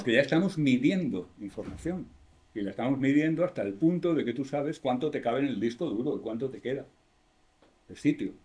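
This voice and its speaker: A male university lecturer with a Spanish accent and a mellow, dark, middle-pitched voice patiently talks through a classroom lesson. He keeps checking in with the class by asking questions and rephrases himself mid-sentence.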